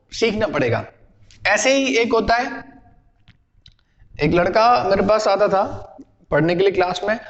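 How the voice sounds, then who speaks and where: Male language teacher, high voice, patient classroom delivery with self-answered questions, muffled reverberant recording. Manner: explains patiently, asks and answers his own questions. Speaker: spoken English teacher. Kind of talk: classroom lesson.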